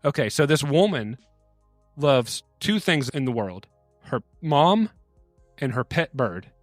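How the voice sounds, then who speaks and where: A man telling a long story joke in an animated way, his pitch sitting in a middle range. The sound is dry and close, with faint music playing in the background. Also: slow, no room sound. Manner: animated storytelling, acts out characters' lines.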